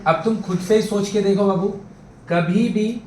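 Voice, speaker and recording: A man with a high-pitched, warm voice teaches a math class at a measured pace, his intonation fairly even. He chats with the students and often checks that they're following, while the classroom echoes with faint background noise.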